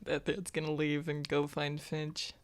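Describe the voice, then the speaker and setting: A woman's voice: sits low, completely flat delivery, a little slow. A woman playing a tabletop role-play game, improvising casually and hesitantly as she describes her character.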